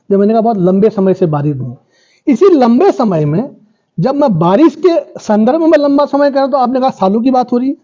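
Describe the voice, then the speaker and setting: A man with a high yet mellow voice teaches a university lecture, patiently walking through everyday examples and often checking that his listeners follow. The recording is dull and lo-fi. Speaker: professor lecturing.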